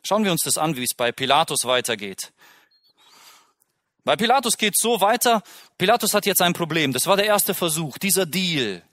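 A man's voice: on the high side, lively intonation, moderate pace, fairly bright tone, no echo, clean studio sound. A man preaching a sermon in an earnest way, often asking his listeners direct questions.

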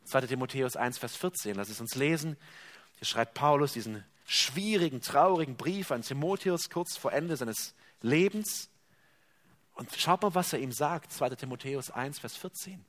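A man preaching a sermon, earnest, speaking to his congregation as dear ones and swinging between loud emphasis and hushed tones. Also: mid-range voice, lively intonation, normal speed.

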